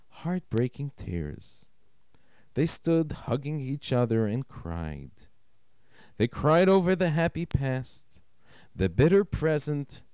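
Slow, mellow male storyteller. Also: mid-range voice, no room sound. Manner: slow, expressive, dramatic storytelling. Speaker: rabbi. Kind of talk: storytelling narration.

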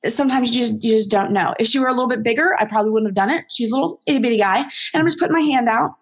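Casting: chatty woman dog trainer, slightly high voice, rambling and casual. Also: rapid-fire. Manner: chatty, rambling with many ums and restarts. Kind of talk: casual interview chat.

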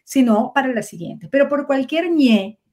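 A woman with a Venezuelan accent telling her breastfeeding story in an interview, animated and laughing often, acting out the dialogue she quotes. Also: high-pitched, normal speed. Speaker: guest, breastfeeding promoter.

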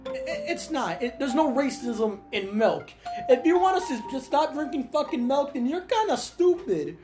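A woman's voice: sits high, sing-song, normal speed. A woman co-hosting a casual rant podcast, laughing often and repeating herself. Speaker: podcast co-host. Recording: music playing behind.

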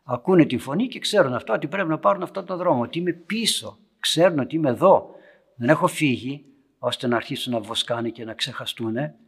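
Priest doing a happy hardworking mule driver, husky, just explaining things plainly. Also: male voice, fairly high pitch. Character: cheerful hardworking male mountain muleteer.

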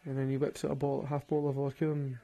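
Here a Glasgow man with a warm, mid-range voice races through rambling anecdotes in a monotone. His Glaswegian Scottish accent comes through as he swears, jokes and laughs along at himself in a casual monologue.

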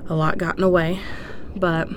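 A woman's voice: fairly low pitch, level tone, moderate pace, background noise. A woman hosting a podcast in casual, rambling solo talk, hesitant and apologetic, sounding out of breath and short-winded. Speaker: podcast host.

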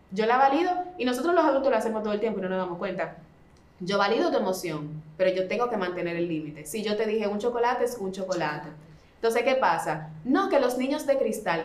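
A woman with a medium-pitched voice appears as a guest parenting expert, explaining things conversationally and acting out gentle talks with a child. The recording has a roomy echo.

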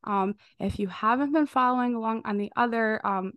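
Brisk and a little high, this young woman's voice comes across clear and resonant with no room sound. Hosting a podcast interview, she sounds somewhat nasal from a recent illness and keeps things warm and enthusiastic, with frequent fillers.

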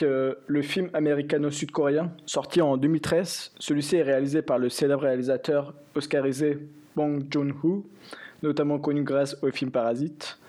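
Podcast host, warm mellow voice, reads his intros steady. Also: a little high. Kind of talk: podcast hosting, partly read script.

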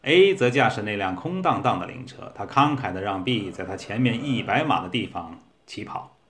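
Man reading a story aloud, measured. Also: fairly low pitch, expressive, a bit bright, a little hiss or hum. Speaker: narrator.

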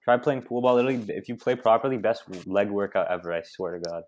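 A man's voice: lowish voice, quick pace, a little mellow. A young man co-hosting a casual sports podcast, blunt and emphatic with lots of slang. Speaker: podcast co-host.

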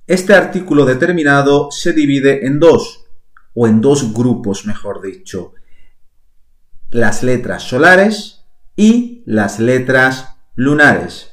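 Male podcast teacher, unhurried and patient, mid-pitched, recorded in a roomy space. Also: very animated. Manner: slow, patient, spells out words and repeats them. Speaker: language teacher. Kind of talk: podcast language lesson.

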